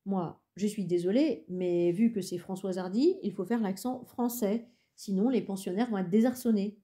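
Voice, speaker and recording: A woman's voice: mid-range voice, normal speed, dark tone, natural voice. A woman reading the lines of a polite, anxious teenage boy who speaks in an apologetic, precise way, in a storybook.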